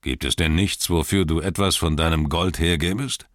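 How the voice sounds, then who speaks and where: A man voicing a steady, grim male leader in an audiobook, speaking slowly and deliberately. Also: low-pitched, no echo, studio quality. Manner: slow, level and deliberate. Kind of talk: audiobook character voice.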